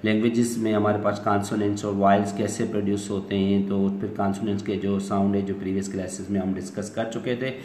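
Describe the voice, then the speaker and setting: A man's voice: lowish voice, flat delivery, fast talker, few pauses, dark tone. A man teaching an online English class, explaining patiently, mixing in English phrases and filler words. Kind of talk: online lecture. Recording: echoey room with faint noise.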